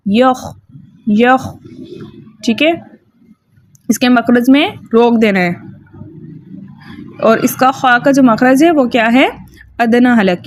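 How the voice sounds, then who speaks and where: Woman tajweed teacher, high voice, dry close sound, patient step-by-step explanations. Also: dry recording. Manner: explains rules step by step, often asks "ठीक है?". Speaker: Quran recitation teacher. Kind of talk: tajweed lesson with recited examples.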